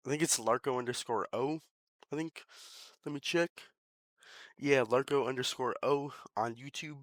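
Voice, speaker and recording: An easygoing man hosts a casual movie review and rambles along with likes and ums. His voice sits in a middle pitch. The sound is dry and close to the mic. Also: normal speed, dry recording. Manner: easygoing, rambling with fillers and restarts.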